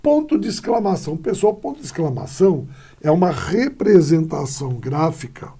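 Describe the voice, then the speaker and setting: A man's voice: on the high side, big pitch swings, normal speed, warm tone, breathy edge. A male Brazilian Portuguese teacher explaining punctuation in a classroom lesson, often checking in with short tags as he points to examples.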